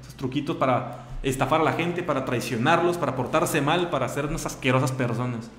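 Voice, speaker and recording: A man's voice: medium pitch, brisk, a bit bright, reverberant, slight background noise. A man with a Mexican accent hosting a live online show, ranting indignantly in casual slangy speech. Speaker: online radio show host. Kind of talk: casual live-stream commentary.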